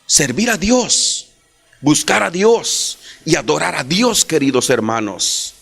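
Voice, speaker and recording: A high, gravelly male voice preaches in a church. He talks slowly and his pitch swings widely. His delivery climbs into impassioned, almost shouted passages. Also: expressive, faint music behind. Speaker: pastor. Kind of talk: sermon.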